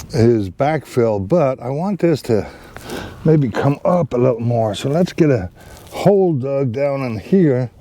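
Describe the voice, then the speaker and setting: A man narrates his tree planting outdoors in a loose, rambling way, pausing on fillers and calling his viewers guys. His voice is mellow and low in brightness, and he talks at a slow, easy pace. Faint outdoor noise sits behind him on a camera mic placed nearby. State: back tightening up, a bit strained. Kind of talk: casual how-to narration while working. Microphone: camera mic, set down nearby.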